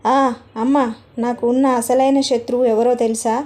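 A vengeful, spiteful young woman in a storybook tale, voiced by a woman narrator. She threatens in a high, mellow voice. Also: little pitch movement, normal speed, natural voice.

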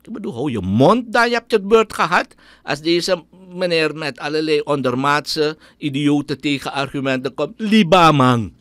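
A man's voice: a little high, animated, normal speed, fairly bright tone, dry recording. A middle-aged man with a Surinamese Dutch accent, giving an indignant, scornful opinion monologue as a radio commentator.

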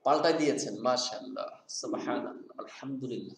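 A man's voice: mid-range voice, quick pace, vocal fry, reverberant. A man teaching Quran reading rules in conversation, often asking his student to repeat the answer back to him.

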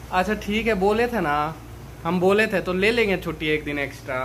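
A man in his thirties talks to a handheld phone in a small room at home. His voice is high and bright, and he pleads in an exasperated way. A faint hum of ambience sits behind him. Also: brisk. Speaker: vlogger husband. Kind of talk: casual family vlog talk. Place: small home bedroom, indoors.

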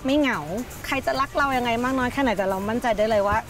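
A woman in her thirties, a beach restaurant owner, answering interview questions in a relaxed, soft-spoken way outdoors by the sea. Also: fairly high pitch, quick pace, background noise. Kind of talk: casual interview. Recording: distant mic with music behind.

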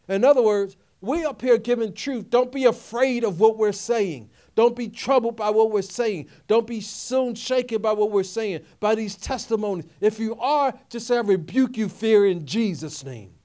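A middle-aged man delivers a sermon in a notably high voice. He preaches in emphatic, repeated phrases and keeps calling out questions to his listeners. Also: dark tone. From Philadelphia area. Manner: call-and-response preaching, repetitive and emphatic. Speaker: pastor.

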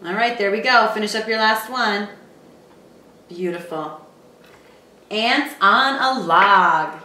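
Bright-voiced mom hosting a kitchen show. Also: female voice, medium pitch, slow, a little hiss or hum. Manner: upbeat, chatty, encouraging tips. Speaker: cooking show host, mother. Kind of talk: casual cooking demonstration with her daughter. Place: home kitchen, indoors. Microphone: far camera mic. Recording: roomy kitchen echo from a distant mic.

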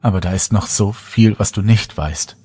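A woman's voice: a bass voice, normal speed, dark tone, breathy edge, soft background music. A man voicing a pale, exhausted young woman in a whispered role-play, speaking barely above a whisper and sounding weary and afraid. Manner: faint, weary and fearful. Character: exhausted hollow ghostly young woman, fearful.

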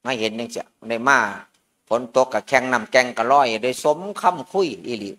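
A man's voice: medium pitch, fairly even intonation, moderate pace, a bit bright. A man, a Buddhist monk with an Isan accent, giving an informal sermon at a merit-making ceremony in a folksy, joking storytelling manner.

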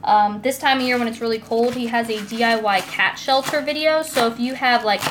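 A young American woman with a higher voice speaks fairly quickly while hosting a cooking live stream in her home kitchen. She's chatty, giggly and informal, reading comments aloud, and the noisy audio comes from a phone or tablet a short distance away.

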